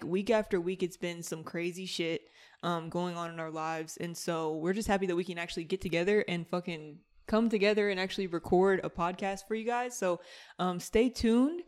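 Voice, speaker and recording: A woman hosting a podcast in casual, very slangy chat with frequent swearing. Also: mid-range voice. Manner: informal, slangy, heavy swearing. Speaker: podcast host.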